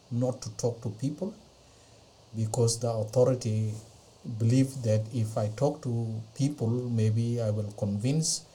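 Slow, hesitant man from Ethiopia. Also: medium pitch, warm tone, a little hiss or hum, poor audio. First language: not English. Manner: hesitant, many pauses and fillers. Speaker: interview guest. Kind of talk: slow personal testimony. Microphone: podcast interview mic.

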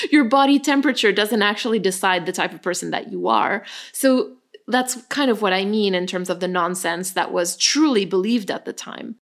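A woman's voice: mid-range voice, moderate pace. A woman co-hosting a podcast in casual chat, chatty and laughing often. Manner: chatty, laughs often, animated when joking. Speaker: podcast co-host.

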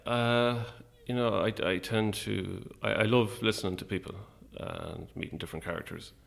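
Low, creaky Irish midlands man. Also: moderate pace, fairly bright tone. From Longford, Irish midlands. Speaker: interview guest, playwright. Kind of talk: casual interview conversation.

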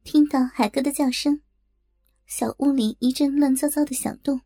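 A woman narrating a first-person audiobook story in a smooth, confiding way. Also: high-pitched, steady tone, moderate pace, mellow.

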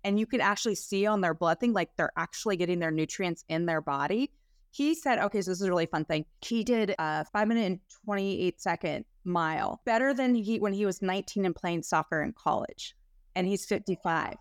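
A woman's voice: lowish voice, fairly quick, dry recording, clean studio sound. A woman health practitioner, a guest on a podcast interview, telling stories about her clients with enthusiasm.

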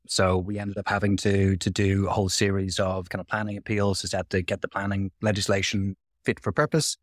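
A man answering interview questions about his energy business, quick and repeating words as he explains. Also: fairly low pitch, dry recording, clean studio sound. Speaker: podcast guest, renewable energy developer.

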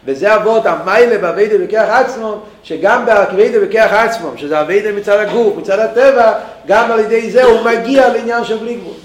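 Man, Torah teacher, high voice, roomy echo, halting restarts. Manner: thinks aloud with many restarts.

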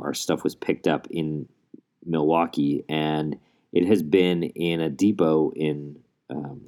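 A man's voice: rumbling low, mellow. A man hosting a podcast in a casual, conversational solo monologue, recorded under a blanket in a closet at home. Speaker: podcast host. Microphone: makeshift setup without usual recording gear.

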